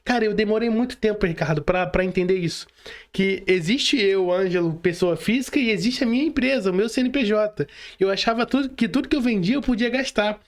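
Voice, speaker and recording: A podcast host with a Brazilian accent and a high voice runs a casual interview at a brisk pace. He talks in slang and repeats words for emphasis.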